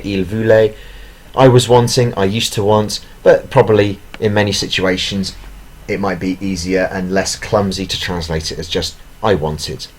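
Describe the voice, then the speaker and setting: Lowish male teacher voice, patient explanatory tone, plenty of fillers. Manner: explanatory, with fillers and self-corrections. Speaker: language teacher. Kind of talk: recorded language lesson.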